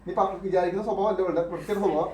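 Rapid, high-voiced insistent man. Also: fairly even intonation, a little mellow. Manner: insistent, repeating short commands. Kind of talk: heated casual argument. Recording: noisy crowd around.

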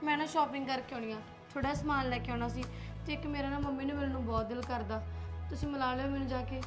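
A woman's voice: sits high, fairly even intonation, quick pace, music in the background, lightly acted. A young woman playing a patient daughter-in-law from Punjab, earnest and pleading. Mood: soft. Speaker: young wife. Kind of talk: amateur village drama acting.

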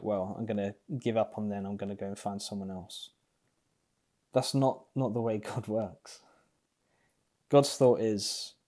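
A man's voice: fairly low pitch, dark tone. A young man giving an online sermon from a small room, speaking thoughtfully on an earphone mic. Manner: unhurried, thoughtful, with many ums. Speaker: pastor. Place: small indoor room at home. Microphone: earphone mic, facing camera.

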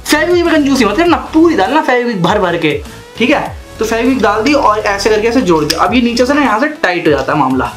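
A young vlogger works with his hands at a desk in a small room during a casual how-to video, chatting and repeating himself. His voice is high-pitched, sing-song and fairly bright, and he talks at a quick pace over soft background music.

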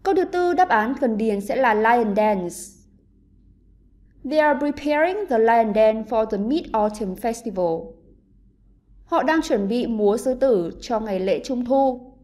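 A woman with a Vietnamese accent, teaching an online English lesson to pupils and explaining slowly and carefully. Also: fairly high pitch, lively intonation, a little mellow.

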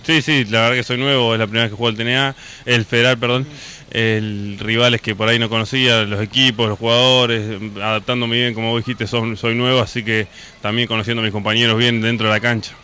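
A man's voice: medium pitch, flat delivery, fast talker, sharp tone, smooth. A young man with an Argentine accent, a basketball player giving plain, modest answers in an interview. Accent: Argentine Spanish.

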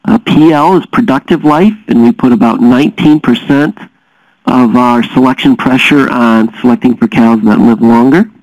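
A man lecturing as a dairy science teacher, explaining steadily and often pausing with "uh" fillers. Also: mid-range voice, a little mellow, no room sound, poor audio. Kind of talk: recorded lecture.

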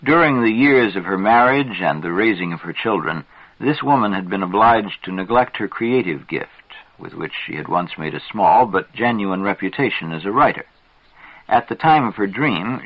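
A man with a low, husky voice reads aloud from a psychology book, taking each sentence in a measured, deliberate way. The recording is dull and lo-fi, with a dry sound and no room echo. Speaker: reader. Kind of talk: scripted narration of a psychology book.

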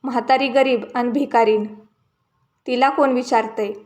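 A woman's voice: on the high side, steady tone, measured pace, darkish tone, close to an everyday voice. A woman voicing a poor, angry old woman who bitterly scolds a proud queen in a folk tale. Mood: bitter reproach. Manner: bitter, reproachful.

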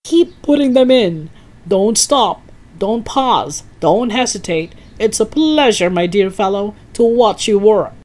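A woman voicing an excitable, bossy middle-aged man in a storybook reading, crying out his orders eagerly. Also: slow. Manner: shrill, cries out eagerly.

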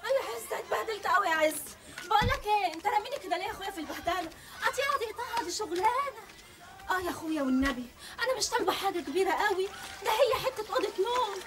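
A woman's voice: extremely high pitch, animated, very fast, very noisy. An actress playing a young woman who is about to marry, speaking with an Egyptian accent. She complains, frets and wails in exclamations. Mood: fretful. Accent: Egyptian Arabic. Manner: exclaiming, wailing laments. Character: young bride-to-be, flustered and complaining. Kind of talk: film acting.

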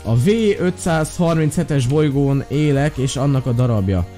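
A man voicing a calm, peaceful alien visitor from another planet in a game video, speaking slowly and matter-of-factly. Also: mid-range voice, soft background music, natural voice.

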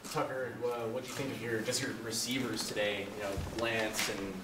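A man's voice: medium pitch, steady tone, normal speed. A man, a sports reporter, asking players questions in a rambling way with "you know". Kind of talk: press conference questions. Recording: echoey room, far from mic, noisy.

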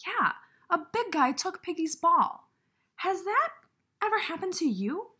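A woman plays kindergarten teacher, reading aloud and asking questions directly to young children in an instructional lesson. Her voice is very high and sharp, with big pitch swings and an unhurried pace, in an indoor room with a brick wall by a window.

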